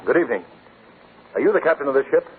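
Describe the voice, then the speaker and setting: Assured gentleman sleuth, formal polite diction, varied intonation, tinny 1940s radio drama. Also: medium pitch, very animated, very fast, husky. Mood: urgent. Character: composed, resolute gentleman sleuth with polished manners.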